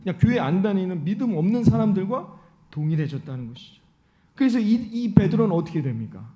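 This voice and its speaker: Sunday sermon from a man, lo-fi, fairly high pitch. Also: big pitch swings, fairly quick. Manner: rhetorical questions to the congregation. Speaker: pastor. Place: church sanctuary. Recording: dull lo-fi sound.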